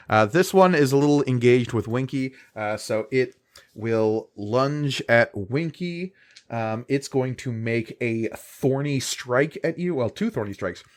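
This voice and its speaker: Slow-talking man running a tabletop game. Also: medium pitch. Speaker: game master. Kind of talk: narrating and refereeing a tabletop game.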